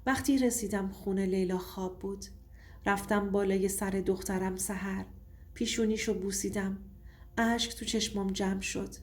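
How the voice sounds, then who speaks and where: A woman giving a steady, tense first-person scripted story narration, with faint music behind. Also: mid-range voice.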